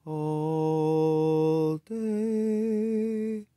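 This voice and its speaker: A storybook reader chanting a picture book in a sing-song voice, stretching the end of each line. The pace is very slow and the voice is mellow and dark. The sound is dry and close. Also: mid-range voice, monotone, dry recording. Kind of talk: slow sing-along read-aloud.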